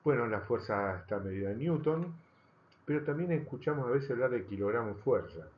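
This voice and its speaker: A man's voice: mid-range voice, lively intonation, fairly quick, lo-fi sound, a little hiss or hum. A man teaching a physics class in a recorded lecture. He explains patiently, rephrases his points and checks in with his students. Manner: explanatory, rephrasing often, checking understanding with tag questions. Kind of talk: recorded lecture over slides.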